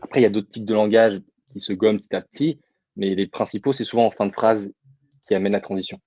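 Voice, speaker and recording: Lowish-voiced man coaching on a webinar. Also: fairly even intonation, quick pace, warm tone, husky, dry recording, lo-fi sound. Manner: informal, addresses audience directly, many fillers. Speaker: public speaking trainer. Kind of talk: webinar Q&A, casual advice.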